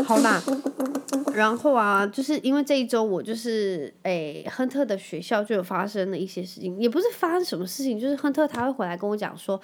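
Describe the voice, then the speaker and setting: A Taiwanese Mandarin-accented woman in her thirties hosts a chatty podcast and tells stories at a brisk pace. Her pitch sits in a middle range. She slips English words into her speech. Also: expressive. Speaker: podcast host. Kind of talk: casual storytelling chat.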